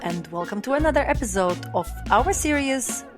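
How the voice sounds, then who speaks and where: A woman's voice: fairly high pitch, animated, moderate pace, over music. A woman co-hosting a podcast interview, welcoming her guest with enthusiasm. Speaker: podcast co-host.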